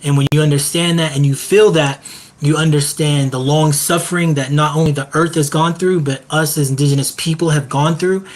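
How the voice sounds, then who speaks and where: Earnest man with a somewhat high voice. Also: steady tone. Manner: earnest, measured and rhythmic. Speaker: hip-hop artist guest. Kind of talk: reflective panel talk.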